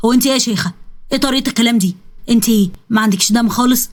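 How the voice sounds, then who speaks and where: A woman with an Egyptian accent voicing a worn-out husband who shouts his complaints in a lowered voice. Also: rapid-fire. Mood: furious. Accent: Egyptian Arabic. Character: fed-up husband, middle-aged, angry and worn out.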